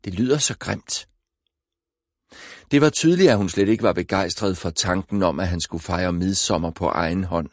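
A man narrating an audiobook in a measured, even storytelling manner on a close mic. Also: low-pitched, no echo. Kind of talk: scripted narration.

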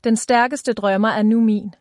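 A woman reading a storybook voicing a smug, commanding male demon king who gloats loudly. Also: a little high, fairly even intonation, no echo, clean studio sound, close to an everyday voice. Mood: gloating.

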